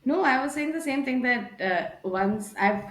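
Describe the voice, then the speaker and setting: A woman's voice: high-pitched, moderate pace, echoey room. A woman from India in her thirties, a guest chatting casually and animatedly on a video call. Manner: chatty, animated, drops into Hindi asides. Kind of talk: casual conversational interview.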